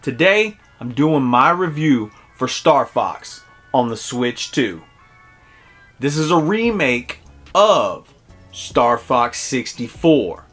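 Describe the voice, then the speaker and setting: Over background music, a middle-aged man with a mid-range, slightly bright voice hosts a casual, personal game review. He tells his stories nostalgically and enthusiastically as the reviewer.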